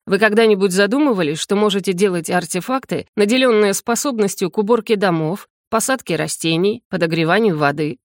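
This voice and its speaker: A woman reading the part of a cold, detached male magic teacher who speaks in flat, curt, unhurried lines. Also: medium pitch, no room sound, studio quality, close to an everyday voice.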